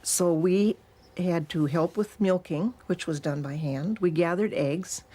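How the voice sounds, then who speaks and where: An older woman from Minnesota, a retired teacher, slowly recalling her past. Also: fairly low pitch, dark tone, husky. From Minnesota, USA. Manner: slow, reflective storytelling. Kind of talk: recalled life story interview.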